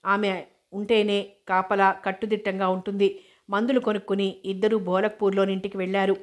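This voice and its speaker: A woman reading a novel aloud as an audiobook narrator, steady and even, with an occasional restart of a word. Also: medium pitch, brisk.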